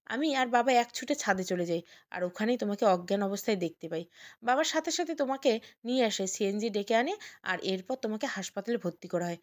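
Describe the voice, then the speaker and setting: A woman's voice: medium pitch, animated, brisk, lightly acted. A woman voicing an anxious young sister-in-law in an audio story.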